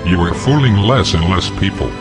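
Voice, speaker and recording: A man with a disguised, pitched-down deep voice declaims a scripted manifesto defiantly, sounding animated at a moderate pace. Music can be heard in the background.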